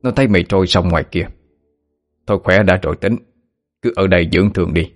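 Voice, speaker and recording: A man voicing an older village healer who talks in a blunt, gruff way. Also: deep voice, fast talker, faint music behind. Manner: gruff, plain-spoken.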